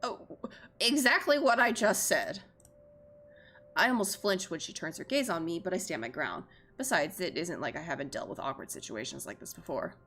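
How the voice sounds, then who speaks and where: A woman streamer with a lowish, slightly bright voice reads visual novel narration aloud at a normal pace, delivering it expressively. She breaks in with chatty, self-deprecating reactions while game music plays in the background.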